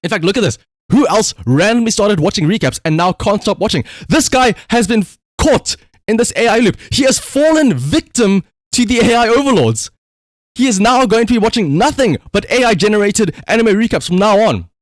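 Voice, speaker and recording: Talking to his viewers as host, a man offers casual livestream commentary that's rambling, conversational, and emphatic. His voice sits high and sounds animated, the pace is fairly quick, and the clean studio recording is dry.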